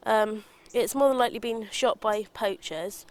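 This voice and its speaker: A woman's voice: on the high side, moderate pace, darkish tone. A woman giving an informal, matter-of-fact spoken explanation.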